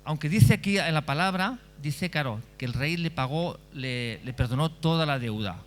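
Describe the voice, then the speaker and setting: A man's voice: a little high, lively intonation, normal speed. A male pastor preaching a sermon in a conversational way, often checking in with listeners and repeating phrases.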